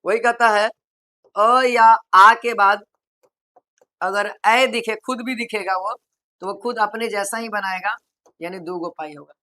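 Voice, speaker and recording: A woman teaching a grammar lesson for exam preparation. She asks the class questions, answers them herself, repeats them again and again, and draws out example words slowly. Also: mid-range voice, pushed and bright.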